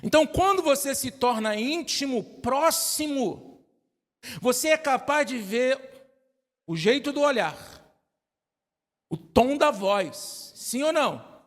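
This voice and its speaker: High-voiced pastor preaching in a church hall. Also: male voice, expressive, takes it slowly, long pauses, fairly bright tone. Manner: emphatic preaching with rhetorical questions to the congregation. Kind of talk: sermon.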